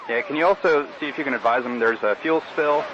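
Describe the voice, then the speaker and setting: A man's voice: mid-range voice, quick pace. A man, an airport operations officer, reporting to ground control over aviation radio. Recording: dull, faintly noisy radio transmission.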